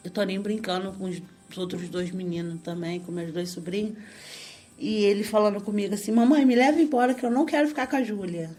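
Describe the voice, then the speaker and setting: A woman's voice: lowish voice, a little mellow. A woman, a guest on a radio interview, telling a personal story at length and acting out what people said. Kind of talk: personal testimony in conversation.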